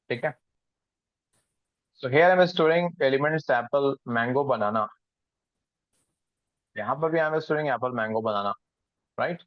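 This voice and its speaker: A man's voice: mid-range voice, no room sound, dull audio. Man teaching a coding class. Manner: mixes English and Hindi, asks the class questions. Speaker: programming instructor. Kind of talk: live online class teaching.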